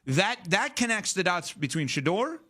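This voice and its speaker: A male sports talk host with a bright, forceful voice that sits somewhat high. He thinks out loud in quick, animated runs as he walks through scenarios. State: out of breath. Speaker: show host. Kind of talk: sports talk show discussion.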